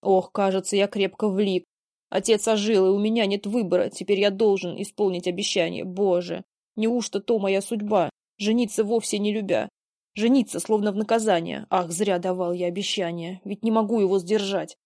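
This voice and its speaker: A woman's voice: mid-range voice, fairly even intonation, normal speed, mellow, no echo, clean studio sound, close to an everyday voice. A woman playing a melancholy, world-weary young son, declaiming mournful rhymed verse in a theatrical reading. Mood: brooding. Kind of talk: dramatic verse play reading.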